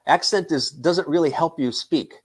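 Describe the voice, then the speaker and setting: A middle-aged man from the northern United States with a Midwestern American accent, an English instructor calmly explaining in short, repeated points. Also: on the high side, moderate pace, breathy edge. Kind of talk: casual conversation.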